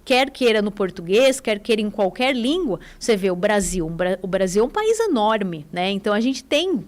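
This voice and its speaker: A woman's voice: mid-range voice, big pitch swings, normal speed. A Brazilian woman in her forties, an English teacher, talking casually on a radio show with enthusiasm and frequent tag questions.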